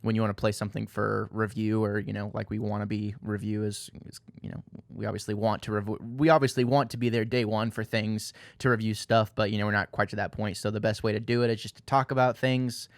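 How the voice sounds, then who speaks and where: A man's voice: lowish voice, little pitch movement, a little fast, dry recording, studio quality. A man hosting a casual gaming podcast, talking in a rambling, friendly way with lots of fillers. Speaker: podcast host.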